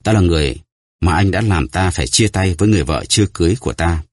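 A man's voice: low-pitched, lively intonation, a little mellow, no room sound, clean studio sound. Man doing a solemn, vengeful nobleman. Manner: grave, measured.

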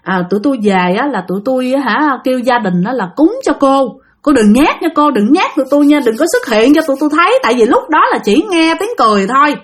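A woman's voice: high voice, animated, fast, hardly any pauses. Chatty woman storyteller. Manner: chatty, addresses listeners directly. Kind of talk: casual spoken ghost storytelling.

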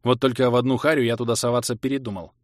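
A man's voice: mid-range voice, little pitch movement, rapid-fire, dry recording, studio quality. A man narrating a first-person audiobook in a wry, ironic storytelling manner.

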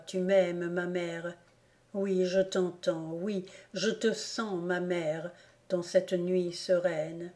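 A woman reading the part of a young boy who murmurs tenderly to his mother, in a hushed and soft voice, in an audiobook. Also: medium pitch, close to an everyday voice.

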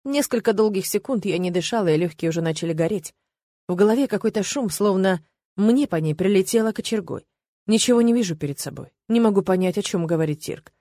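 A woman narrates a first-person audiobook, steady and expressive, at a middle pitch. The recording is close and dry, with no room sound. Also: brisk, dry recording.

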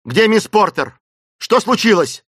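A man doing a shouting, urgent young gentleman. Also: high voice, lively intonation, unhurried, husky, no room sound, studio quality, pitched above the performer's own voice, heavily acted. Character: young Englishman, urgent and commanding in a crisis.

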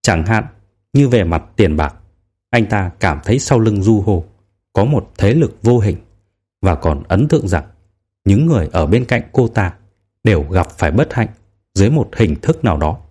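A man narrating a novel as an audiobook in a calm, even reading voice. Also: fairly low pitch, moderate pace, husky.

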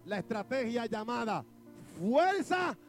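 A man preaching a fiery Pentecostal sermon, acting out a boxing match and shouting praise to the congregation. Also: very high voice, big pitch swings, slow pace. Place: church sanctuary. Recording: church service with music behind. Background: band music.

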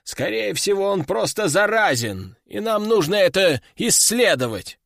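A man's voice: high-pitched, big pitch swings, unhurried, creaky, a bit bright, dry recording, clean studio sound, voice pushed up, full character voice. A man voicing a pompous, bossy elderly male master sorcerer who barks out orders. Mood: commanding. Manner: commanding, barking orders.

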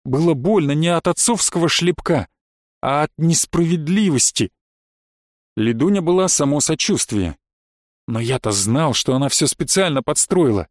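Male audiobook narrator, dry studio, fairly high voice. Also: lively intonation, moderate pace, dry recording. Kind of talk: first-person audiobook narration.

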